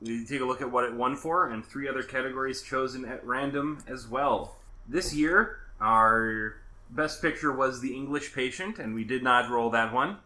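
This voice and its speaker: A man from Minnesota hosting a casual podcast, chatty and quick with asides and self-corrections. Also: medium pitch, bright, forceful tone. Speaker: podcast host.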